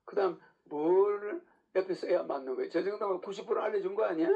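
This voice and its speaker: Gravelly man preaching a casual sermon. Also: high-pitched, fairly quick. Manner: casual lecturing with rhetorical questions. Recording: dull lo-fi recording.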